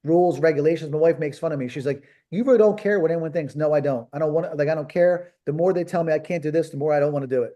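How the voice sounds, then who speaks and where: A man's voice: on the high side, steady tone, racing, few pauses, warm tone. Blunt, emphatic man coaching on a call. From Philadelphia. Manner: blunt, emphatic, repeats himself. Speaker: business coach.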